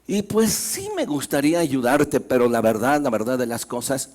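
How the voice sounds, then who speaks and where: A man voicing an indifferent female cow who answers slowly and without concern. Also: mid-range voice, natural voice. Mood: unconcerned. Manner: slow, flat and unconcerned.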